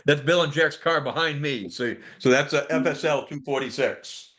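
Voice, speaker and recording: Slightly high-voiced man moderating. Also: normal speed, fairly bright tone. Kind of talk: casual moderating.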